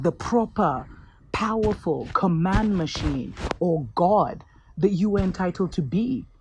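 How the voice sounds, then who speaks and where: A woman hosting her own show, giving earnest, unhurried spiritual encouragement to viewers with soft asides. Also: fairly low pitch, slightly rough, no echo. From Kenya. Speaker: host.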